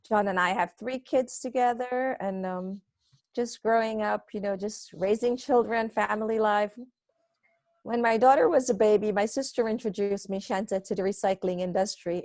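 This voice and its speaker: A woman's voice: medium pitch, darkish tone, dry recording. A middle-aged woman from Guyana, a guest talking about recycling in a friendly, chatty way on a live video call.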